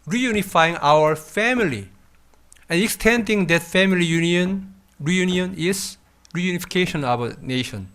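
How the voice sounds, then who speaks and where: A man in his fifties with a Korean accent lectures a class, his voice sitting a little high for a man. He talks slowly and haltingly, with many pauses and fillers as he thinks aloud. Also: sharp tone, smooth. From South Korea. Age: 50s. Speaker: university lecturer.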